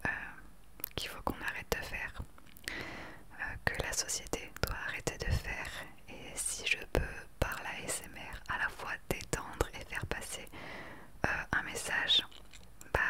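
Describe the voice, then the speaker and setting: A woman in her late twenties talking earnestly and with conviction in a soft whispered ASMR chat into a desktop microphone. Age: 20s. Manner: earnest, opinionated. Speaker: ASMR creator. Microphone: desktop USB microphone.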